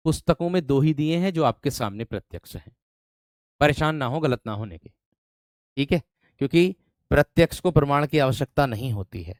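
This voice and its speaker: A man teaches a grammar class for exam candidates, his voice smooth and resonant. The sound is dry and close, with no room echo. He keeps asking the students whether they have followed, and he drags out single words as he writes them on the board. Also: medium pitch. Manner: repeats words slowly while writing on a board; asks the students frequent check-in questions. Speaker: Hindi teacher. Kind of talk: online exam-prep class.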